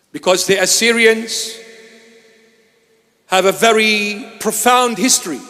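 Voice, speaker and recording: A man from Iraq gives a sermon as a bishop, his voice high and his delivery slow and deliberate. He hammers home repeated phrases, now and then rising to a shout. A long reverb trails each word through a large church hall. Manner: emphatic and repetitive, bursts into shouts.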